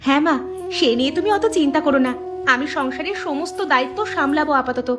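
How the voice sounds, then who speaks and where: A woman voicing a dutiful elder daughter in a cartoon story, calm and reassuring toward her mother, with music behind. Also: high-pitched, quick pace, natural voice. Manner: reassuring, steady. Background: background music.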